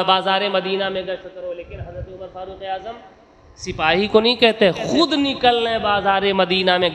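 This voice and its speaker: A high-voiced male preacher from Jaunpur, India, telling a story in his sermon. He drives it forward with rhetorical questions and emphatic lists, and a live crowd is clearly heard around him. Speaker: Islamic preacher. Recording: live gathering with crowd audible.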